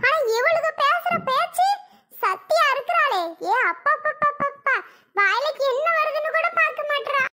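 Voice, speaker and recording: A woman's voice: extremely high pitch, moderate pace, bright, forceful tone, voice pushed up. A woman voicing an exasperated older mother-in-law in a cartoon, with wailing scolding. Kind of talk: cartoon voice acting.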